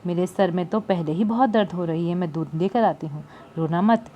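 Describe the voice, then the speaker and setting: A woman's voice: on the low side, moderate pace, warm tone, muffled recording, slight background noise, close to an everyday voice. A woman voicing a loyal, blunt-talking companion who consoles her friend in an audiobook. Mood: consoling.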